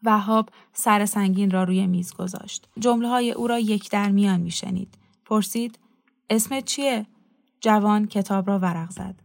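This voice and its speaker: A woman narrating a literary story in a measured, steady reading. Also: medium pitch, gravelly, no room sound, clean studio sound.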